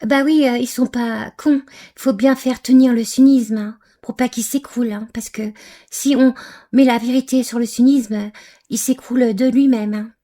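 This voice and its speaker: Scornful woman with a mellow voice. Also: on the high side, steady tone, moderate pace. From Algeria. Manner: scornful, insulting, hesitant with many fillers. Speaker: commentator reacting to a video. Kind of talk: angry reaction commentary.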